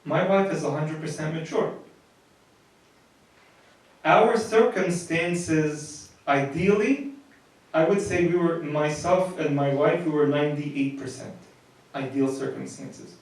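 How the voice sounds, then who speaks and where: A priest with a fairly high voice gives a marriage lecture in a plain, conversational way, restarting and repeating words as he goes. He is heard from well off the mic, and his voice bounces around a very echoey room. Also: slow pace, pauses often, recorded from a distance. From United States.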